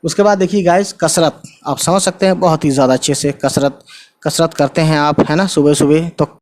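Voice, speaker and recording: Male online Urdu teacher, a bit high-pitched, casual, spells syllables out slowly, keeps checking in with viewers. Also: steady tone. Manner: spells out letters slowly, tags lines with "ठीक है" and "guys". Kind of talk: casual spoken lesson.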